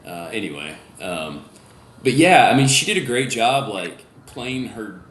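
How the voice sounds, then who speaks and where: A man's voice: lowish voice, very animated, unhurried, a bit bright, echoey room. A man chatting as a guest on a video call, rambling with lots of fillers. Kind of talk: casual group video chat.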